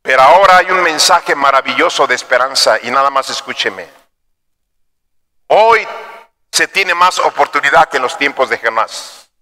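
A man preaching a sermon as pastor, dropping to quiet storytelling and rising to shouts. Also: mid-range voice, animated, normal speed, big-room sound. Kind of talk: fiery sermon. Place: church.

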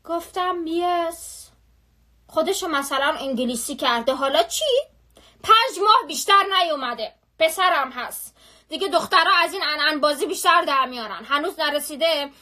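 A young woman chats on a phone live stream, spinning a story in a lively, slangy way that keeps circling back on itself. Her voice sits high and rings bright and sharp. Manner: animated, chatty, full of slang and repetition.

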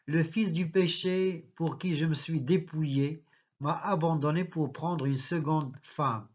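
A man's voice: on the high side, unhurried, breathy edge. A man voicing a grieving middle-aged woman who laments to her friend, in a plaintive tone. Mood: lamenting. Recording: slightly muffled lo-fi recording.

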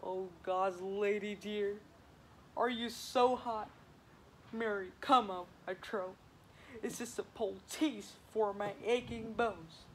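A man's voice: sits high, steady tone, takes it slowly, a little hiss or hum. A teenage boy playing a weary, teasing old woman nurse in a school Shakespeare reading, drawing out complaints about her aches. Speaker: student actor.

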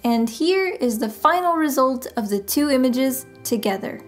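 Woman co-host doing calm voiceover, high voice, soft music behind. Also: moderate pace. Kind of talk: voice-over commentary.

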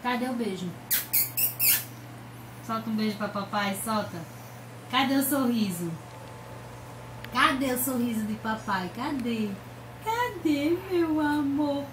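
A woman's voice: fairly high pitch, lively intonation, slow pace, long pauses. A mother cooing and coaxing her baby in sing-song baby talk at home, filmed from across the bedroom. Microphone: camera held by someone else, at a distance. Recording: echoey room, far from mic, background noise.

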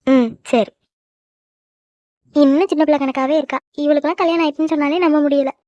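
A woman voicing a tender, emotional middle-aged mother in a cartoon, talking quickly and fondly. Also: high-pitched, steady tone, dark tone, no echo, lightly acted. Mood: tearful. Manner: affectionate, quick, tearful at times. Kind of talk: cartoon voice acting. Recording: dry, dull lo-fi recording.

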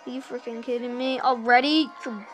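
A young woman with a somewhat high voice chats her way through a handheld game, excitable and quick to wander off on asides. She is filming in a small dim room, and faint game music plays behind her. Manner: chatty, excitable, rambling asides. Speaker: gameplay narrator. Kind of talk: casual let's-play commentary. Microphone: handheld camera filming a game screen.

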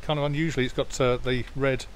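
Filmed on a phone in an outdoor car park, a male classic car vlogger gives a relaxed walk-around commentary, hesitant and full of fillers. He talks fast in a mid-range voice, while a jet washer and outdoor noise are clearly audible in the background.

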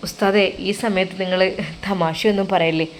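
A woman voicing a heartbroken young male religious teacher who speaks softly in a subdued, sorrowful way. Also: lowish voice, fairly even intonation, normal speed, slight background noise, natural voice.

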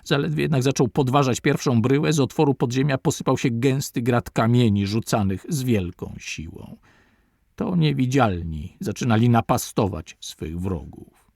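Sex: man. Role: audiobook narrator. Style: measured reading of a classic adventure novel. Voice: gravelly, mid-pitched. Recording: dry, close. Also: a little mellow, no echo.

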